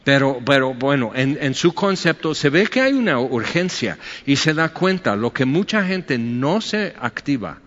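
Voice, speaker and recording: A man's voice: very animated, measured pace, few pauses, a bit bright. Pastor guy, chatty jokey sermon, long hall echo, kinda muffled sound. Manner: chatty, jokey, acts out quotes in a higher voice. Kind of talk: conversational sermon.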